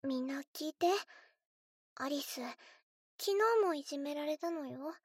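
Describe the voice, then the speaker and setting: Woman doing a high little bullied girl, slow and plaintive, chatting to her dolls, faint music under it. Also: steady tone, a little mellow, dry recording, clean studio sound. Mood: sweet, doting. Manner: childlike and plaintive. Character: lonely bullied schoolgirl who talks to dolls. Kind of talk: solo voice drama.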